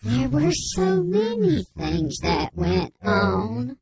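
A man playing a grave, anonymous male whistleblower on a radio comedy bit, his voice electronically disguised, giving slow, solemn deadpan testimony. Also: extremely high pitch, gravelly, over a noisy crowd, full character voice. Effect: disguised voice, electronically altered. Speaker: anonymous informant caller.

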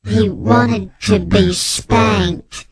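A man playing an anonymous male informant on a radio comedy bit, his voice electronically disguised, telling absurd events in a slow deadpan. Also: sits high, a loud crowd, heavily acted.

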